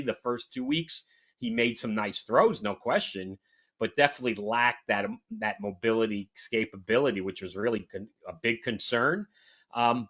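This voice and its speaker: A man's voice: medium pitch, fairly bright tone. A man co-hosting a sports talk show, chatting casually and emphatically with lots of restarts. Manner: rambling, emphatic, frequent restarts. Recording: dull lo-fi audio.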